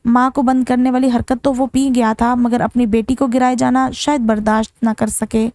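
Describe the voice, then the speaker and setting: A woman reading a novel aloud as an audiobook narrator, in a steady, even manner. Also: on the high side, moderate pace, dry recording, studio quality. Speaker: novel reader.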